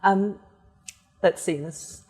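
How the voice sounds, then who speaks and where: A woman artist and environmentalist guest, born in Portugal and raised in many countries, telling anecdotes in a lively conversational way. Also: mid-range voice, extremely slow, husky, big-room sound. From born in Portugal, raised in several countries. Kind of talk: conversational storytelling.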